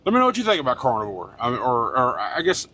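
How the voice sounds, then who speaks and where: A man's voice: mid-range voice, huge pitch swings, fast talker, sharp tone. A middle-aged man talking casually to the camera from his truck cab, rambling with frequent restarts and fillers, blunt and swearing now and then. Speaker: trucker vlogger. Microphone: small handheld camera.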